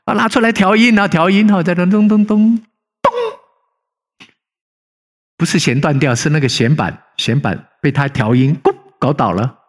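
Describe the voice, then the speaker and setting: A man's voice: on the high side, moderate pace. A middle-aged male pastor preaching a conversational sermon, telling stories animatedly and acting out the people he quotes in a raised voice. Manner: frequent tag particles, conversational preaching. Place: church sanctuary. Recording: long hall reverb.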